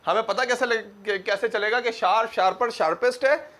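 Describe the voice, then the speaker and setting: A young man teaching grammar to a class, asking questions and answering them himself, and repeating words slowly to drill them. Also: high voice, a bit bright. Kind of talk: classroom lecture.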